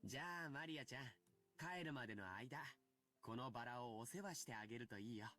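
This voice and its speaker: A man voicing a kind young man in a visual novel, speaking softly and encouragingly. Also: medium pitch, racing, soft background music, natural voice. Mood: gentle. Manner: soft, coaxing, encouraging. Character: gentle kind young man, big-brother type. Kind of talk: anime game voice acting.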